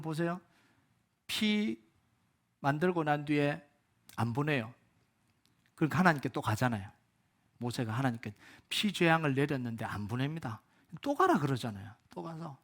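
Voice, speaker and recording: A man preaching a sermon as pastor at a Friday prayer meeting, moving between loud emphatic peaks and low quiet asides. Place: church sanctuary.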